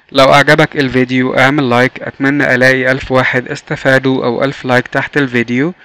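A man with an Egyptian Arabic accent teaching English to young children, repeating each word slowly three times. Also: mid-range voice, sharp tone. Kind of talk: slow classroom lesson.

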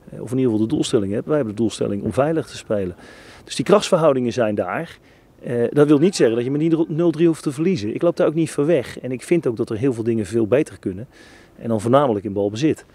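A man speaking as a football coach in an interview, measured, analytical and frank. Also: medium pitch, mellow, breathy edge. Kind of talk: post-match interview.

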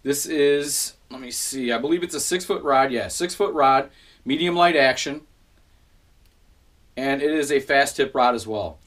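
Relaxed man rambling about his gear. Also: medium pitch, measured pace. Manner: relaxed, many fillers and self-corrections. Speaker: fishing channel host. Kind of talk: casual gear rundown to camera. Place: small room at home in front of a gear rack.

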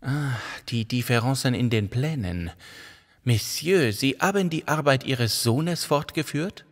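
A man voicing a calm, sharp-minded woman investigator in an audiobook, asking questions in a measured way. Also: mid-range voice, vocal fry, long reverb tail. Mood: pressing.

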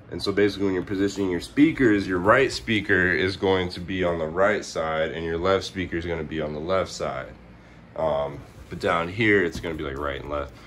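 Filming handheld at home with noticeable background noise, a man explains how to set up a stereo while hungover. His low, fairly bright voice stays off-camera as he rambles casually in slang.

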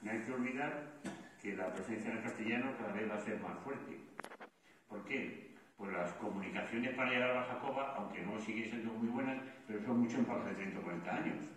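A man's voice: on the low side, far from the mic, a little hiss or hum. Spanish man lecturing in an echoey hall. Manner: explanatory, poses rhetorical questions and answers them. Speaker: philologist giving a talk at a book presentation. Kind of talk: lecture-style public talk. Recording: very echoey hall recorded from afar.

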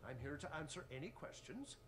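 An actor playing a friendly, talkative village baker in a game. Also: male voice, on the high side, big pitch swings, fairly quick, reverberant, music in the background. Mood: cheerful. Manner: cheerful, chatty shopkeeper talk. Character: chatty friendly male village baker with mustache.

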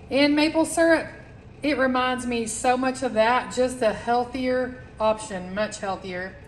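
Here a woman with a high voice gives a chatty cooking demonstration from her home kitchen, addressing her viewers directly as she goes through each step. She hosts a home cooking channel, and the poor audio carries a bit of hiss or hum.

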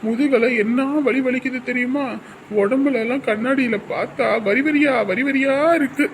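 A man's voice: extremely high pitch, steady tone, normal speed, a little hiss or hum, low-quality recording. A young man playing a husband and son who grumbles and sounds exasperated.

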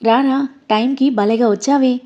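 A woman's voice: a little high, steady tone, normal speed, lightly acted. A woman reading the lines of a playful, teasing young man in a story. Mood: cheerful. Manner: playful, coaxing. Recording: dull lo-fi audio.

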